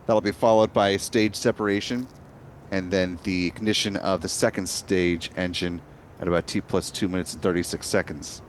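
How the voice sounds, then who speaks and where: A man's voice: low-pitched, steady tone, normal speed, a little hiss or hum. A man hosting a live launch webcast, explaining events in a composed way.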